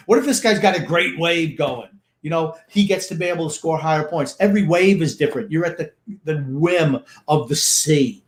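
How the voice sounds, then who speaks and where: A man's voice: a little high, darkish tone, reverberant. An older man co-hosting a sports talk show, blunt and grumpy with dismissive opinions. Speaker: co-host.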